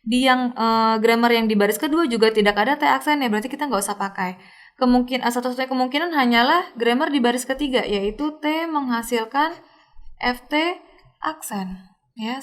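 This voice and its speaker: A young woman with a high voice walks through a worked example in a recorded lesson. She talks in a casual, step-by-step way, often correcting herself mid-sentence. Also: a bit bright. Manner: step-by-step explaining, casual fillers and self-corrections. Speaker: lecturer.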